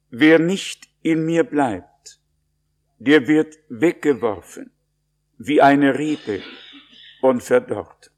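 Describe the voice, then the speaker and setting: Slow, solemn German-speaking preacher man. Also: mid-range voice. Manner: slow, solemn, emphatic preaching with long pauses. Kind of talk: sermon.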